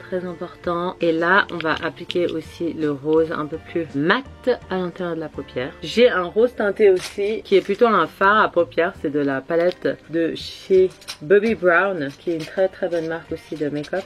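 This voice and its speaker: A woman giving a casual makeup tutorial, chatting straight to her viewers and speaking in an accent she is putting on. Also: fairly low pitch. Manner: chatty, addresses viewers directly. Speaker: makeup vlogger.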